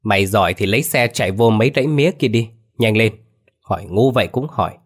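A man's voice: fairly low pitch, quick pace, close to an everyday voice. A man voicing a bullying bald male gang boss who barks threats. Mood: angry yelling. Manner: barking, threatening.

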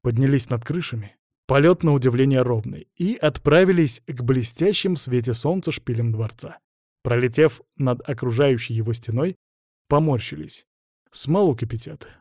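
Dude narrating a fantasy audiobook, wry chatty tone, super dry close mic. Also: male voice, mid-range voice, moderate pace, a little mellow, dry recording. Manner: wry, conversational first-person.

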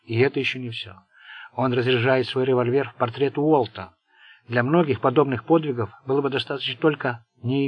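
A man's voice: medium pitch, breathy edge, no room sound. A man voicing a bitter, sardonic Italian gangster who rambles nervously. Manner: sarcastic, venomous.

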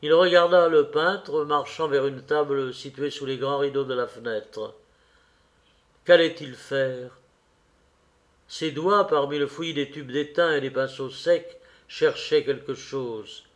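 A man narrating a classic novel as an audiobook, in a measured, expressive storytelling manner. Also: medium pitch. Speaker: audiobook reader.

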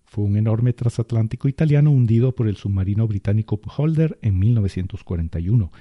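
A man's voice: fairly low pitch, expressive, fast talker, no echo, muffled recording. Give me a solemn father, voiced by a man. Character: grave father explaining history.

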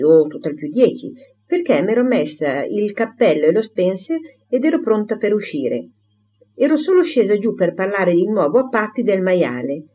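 A woman's voice: medium pitch, lo-fi sound, voice pushed up. A woman voicing a talkative older spinster who rambles breathlessly from one thing to the next.

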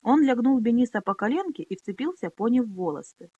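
A woman narrating a fantasy novel as an expressive audiobook reading. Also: a little high, a little fast, breathy edge, no echo, muffled recording. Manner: expressive, animated.

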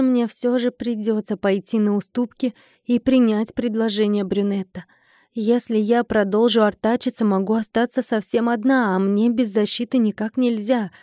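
A woman narrating a first-person audiobook with lively, wry storytelling. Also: fairly high pitch, no room sound, studio quality.

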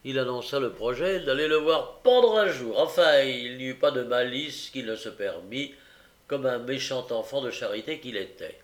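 A man reading a novel aloud as an audiobook, unhurried, with frequent hesitant fillers. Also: medium pitch. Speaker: audiobook reader.

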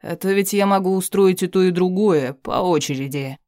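A woman voicing a harsh middle-aged police officer father who talks low, curt and menacing. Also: moderate pace, dark tone, no echo, studio quality, close to an everyday voice.

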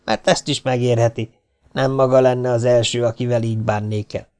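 A man reading an audiobook voices a cruel, mocking male bandit leader who speaks in a slow, self-assured, taunting way. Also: medium pitch, level tone, a little mellow, smooth, close to an everyday voice. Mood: menacing.

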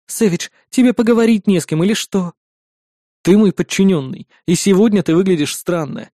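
A man voicing a sharp-tongued, irritable young woman partner who answers in curt, scolding lines. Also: sits high, moderate pace, no echo, studio quality, voice pushed up, close to an everyday voice.

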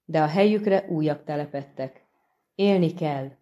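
A woman voicing a chatty, grateful middle-aged peasant man in an audiobook, talking in a folksy, animated way. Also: deep voice, dull audio, natural voice. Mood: earnest. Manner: folksy, animated, respectful to his master. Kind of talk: audiobook reading.

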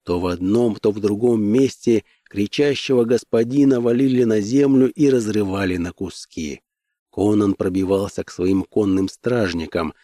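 A man narrating an adventure story in a measured, even storytelling manner. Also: on the low side, no echo, clean studio sound. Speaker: audiobook narrator. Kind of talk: scripted audiobook narration.

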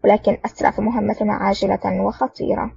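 A woman voicing a daring male secret agent, calm and self-assured. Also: medium pitch, fast talker, gravelly, husky, heavily acted. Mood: cool. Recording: dull lo-fi audio.

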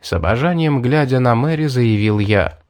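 A man reading a first-person fantasy audiobook in an even, measured narrating voice. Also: medium pitch, dry recording, studio quality.

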